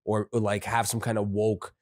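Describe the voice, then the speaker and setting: A man's voice: fairly low pitch, little pitch movement, normal speed, darkish tone. A man co-hosting a casual podcast, chatting in rambling sentences with lots of filler. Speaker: podcast co-host.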